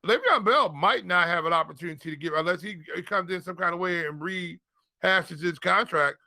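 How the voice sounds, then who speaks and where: His voice sits high, gravelly and sharp, captured as clean studio sound with no room sound. An American fantasy football analyst, he makes casual sports talk, halting and repeating words and phrases while he reasons things out.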